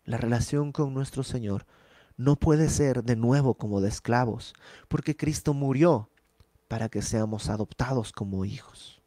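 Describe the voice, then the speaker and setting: A man's voice: medium pitch, measured pace, mellow, no echo. A man preaching a conversational sermon, explaining Bible verses with rhetorical questions and everyday examples.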